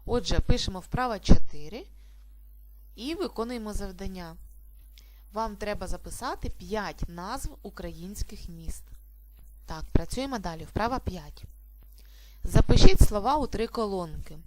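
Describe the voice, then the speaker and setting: A woman teaches a recorded primary school language lesson at a mid pitch. She reads slowly and clearly, leaning on each stressed syllable as if dictating. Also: expressive, darkish tone. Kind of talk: video lesson.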